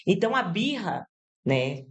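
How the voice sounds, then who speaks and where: A woman's voice: medium pitch, very animated, measured pace. A woman hosting a conversational podcast, explaining points to her audience in a chatty way with frequent tag questions. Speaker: podcast host. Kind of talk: conversational interview.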